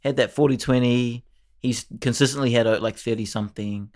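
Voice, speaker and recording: A man's voice: medium pitch, steady tone, fairly quick, a little mellow. A young man co-hosting a podcast, chatting casually about sport in a slangy, matey, jokey way. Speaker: podcast co-host.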